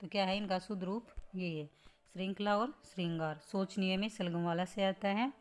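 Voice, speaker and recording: A woman's voice: medium pitch, steady tone, moderate pace. A woman teaching a grammar lesson on correct spelling, explaining patiently step by step and asking rhetorical questions as she goes. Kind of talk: spelling lesson for exam students.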